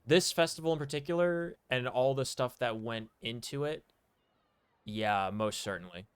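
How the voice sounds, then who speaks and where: A man's voice: medium pitch, normal speed, smooth, dry recording. A man streaming a video game with casual, slangy, laid-back commentary. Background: game music.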